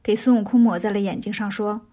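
A woman narrating a children's story with a lively, expressive delivery. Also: mid-range voice, fast talker.

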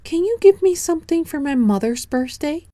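A woman's voice: lively intonation, mellow, no room sound. A woman voicing a polite, eager young boy in a children's storybook reading. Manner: high, quick, eager asking.

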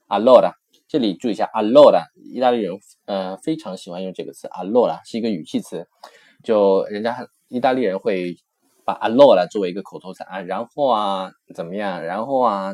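Male language teacher, low-pitched, patient and repetitive, lecture-style textbook explanation. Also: darkish tone. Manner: patient, repeats phrases several times while explaining; mixes in English comparisons. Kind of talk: recorded textbook lesson explanation.

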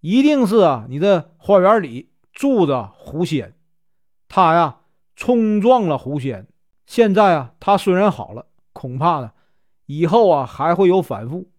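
A man's voice: sits high, sing-song, measured pace. A man with a Northeastern Mandarin accent voicing an eccentric, jovial wandering monk who talks bluntly and offhandedly. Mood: offhand.

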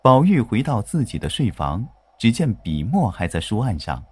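Animated man narrating a children's story. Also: fairly low pitch, moderate pace, slightly rough, no echo. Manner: expressive, animated.

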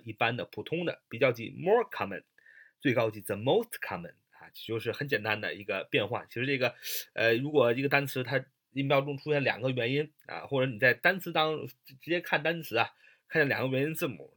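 A man's voice: medium pitch, fairly bright tone. A man teaching English grammar in Mandarin, spelling words out letter by letter with frequent fillers. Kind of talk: explaining grammar lesson.

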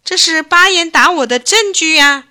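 A woman voicing a poor, quick-witted old man who speaks calmly. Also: on the high side, pitched above the performer's own voice, full character voice. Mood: triumphant.

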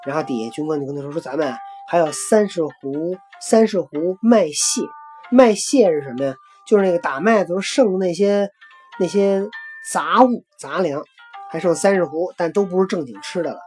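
Low, mellow Beijing woman storyteller. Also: animated, fairly quick, soft background music. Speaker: host. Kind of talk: casual history storytelling.

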